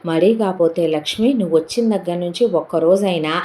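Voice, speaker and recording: A woman voicing a middle-aged aunt who is teasing and quick-tongued, with brisk, bantering complaints. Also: on the low side, mellow, natural voice.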